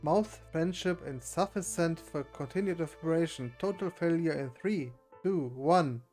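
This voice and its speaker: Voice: medium pitch, a little mellow, faint music behind, natural voice. Someone voicing a failing, glitching robot. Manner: halting, glitchy repeats. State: malfunctioning, shutting down. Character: failing machine powering down, stuttering. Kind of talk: tabletop game character voice.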